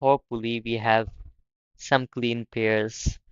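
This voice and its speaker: A young man from Pakistan hosting a casual live stream, talking haltingly and often repeating his words. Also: mid-range voice, flat delivery, smooth, dry recording, dull audio. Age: young adult. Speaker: livestream host.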